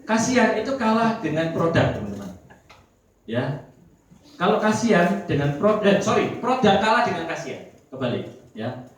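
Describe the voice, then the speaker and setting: A man delivers a motivational sales seminar in an animated way, tossing questions at the crowd and acting out bits of dialogue. His fairly high voice comes from some way off the mic and rings around a big echoing hall. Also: moderate pace, long pauses. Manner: animated, quizzes the audience, acts out quoted talk. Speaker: insurance sales trainer. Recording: echoey hall, voice from far off.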